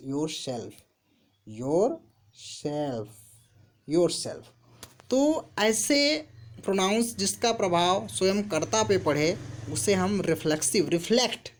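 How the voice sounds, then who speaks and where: A woman teaching a grammar lesson, who asks questions and answers them herself, repeats key words and reads example sentences very slowly. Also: lowish voice, a little mellow. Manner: slow, repeats answers to her own questions.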